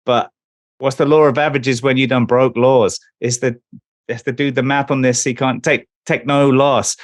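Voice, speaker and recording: A man's voice: mid-range voice, level tone, moderate pace, dry recording. A man co-hosting a music podcast, rambling and reading lyrics aloud. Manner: rambling, restarts, reads out lyrics. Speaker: podcast co-host. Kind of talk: casual chat.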